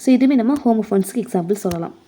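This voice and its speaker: A woman with a Tamil accent teaching an exam prep lesson, reading English questions slowly and explaining them in quick Tamil. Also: mid-range voice, mellow.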